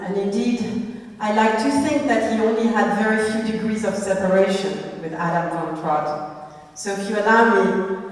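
A woman professor giving a formal public talk in a deliberate, emphatic way, her voice husky from a cold. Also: medium pitch. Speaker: professor, guest speaker. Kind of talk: formal lecture, public speech. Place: large reverberant lecture hall. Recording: very echoey hall, far from mic.

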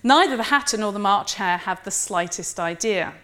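A woman giving an academic lecture in a measured, precise way, sometimes correcting herself mid-phrase. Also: medium pitch, lively intonation, bright, forceful tone. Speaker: university lecturer.

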